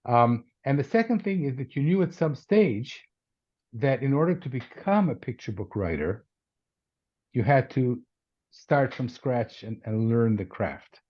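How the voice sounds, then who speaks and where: A man's voice: mid-range voice, animated. Older male host, stop-start delivery with many uhs, teasing interjections, slightly dull lo-fi sound. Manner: halting, interrupting, playful. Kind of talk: casual interview conversation.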